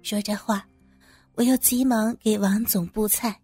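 A woman's voice: medium pitch, fairly even intonation, unhurried, warm tone, breathy edge, soft background music. A woman narrating a first-person story with a gossipy, wry, amused tone.

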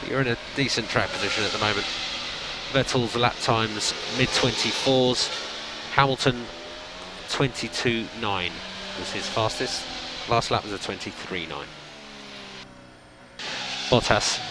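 Race car radio voice: a low-voiced male engineer, calm and clipped, repeating each call, with loud engine noise around him. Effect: race car team radio. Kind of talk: team radio instructions to a driver.

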